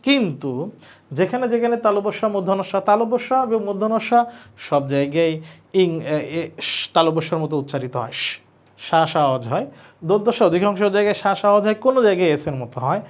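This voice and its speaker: Male admission-prep teacher, fairly high voice, step-by-step lecturer. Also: expressive, fast talker. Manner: explains step by step, asks and answers his own questions. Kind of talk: classroom lecture.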